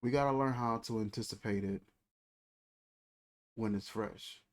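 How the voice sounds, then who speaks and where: This faith talk comes from a man in his thirties with a fairly low voice and a measured pace. He hosts a faith channel, keeping things reflective and conversational, casually worded, with repeated phrases.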